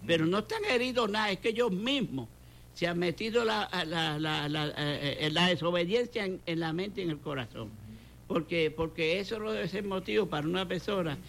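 The voice sits high and fairly bright, with vocal fry, at a normal speed: an older pastor from Puerto Rico with a Puerto Rican Spanish accent. On a talk show he preaches a fervent testimony, repeating phrases to stress them and acting out quoted exchanges.

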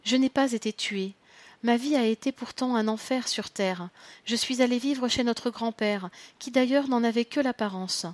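A woman's voice: fairly high pitch, moderate pace, dry recording, lightly acted. A woman voicing a serene young brother who has died, explaining things steadily and patiently in a storybook reading. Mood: calm.

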